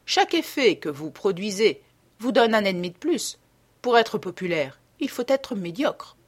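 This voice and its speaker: A woman voicing a cynical, epigram-loving English lord in an audiobook, with a smooth, lecturing manner. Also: mid-range voice, very animated, normal speed. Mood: worldly. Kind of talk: audiobook character reading.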